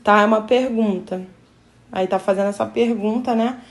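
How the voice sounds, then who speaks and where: A woman's voice: medium pitch, fairly even intonation, moderate pace, low-quality recording. A woman teacher with a Brazilian Portuguese accent, giving a recorded grammar lesson. She reads out rules and then explains them in her own words, often checking in with "tá?" and "né?".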